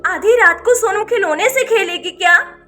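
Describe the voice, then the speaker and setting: A woman's voice: very high voice, moderate pace, pushed and bright, faint music behind. Woman voicing a panicked, tearful village mother. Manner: panicked, pleading, on the edge of tears. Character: frantic young village mother Radha. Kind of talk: doll story voice acting.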